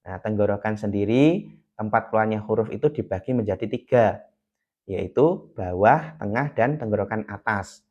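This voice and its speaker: A man's voice: on the low side, normal speed, darkish tone, dull audio. A man teaching beginners to read the Quran on a live stream, patient and repeating key points, at times chanting syllables in a melody.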